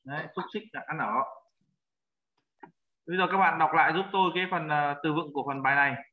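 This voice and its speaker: A man teaching a language class, patiently repeating vocabulary words slowly for his students. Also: on the high side, phone-quality sound. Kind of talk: language lesson.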